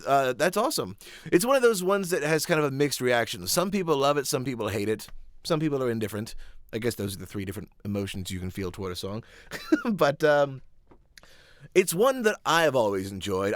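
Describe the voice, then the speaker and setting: A man hosting a casual music live stream, talking in a halting, light-hearted, self-deprecating way. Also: mid-range voice, sing-song, dry recording.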